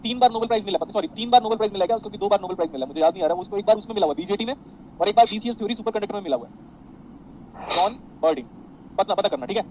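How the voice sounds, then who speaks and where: A man's voice: high-pitched, expressive, very fast, slight background noise, rough recording. A man teaching a physics class online, chatty and digressive, mixing Hindi with English and calling his students beta.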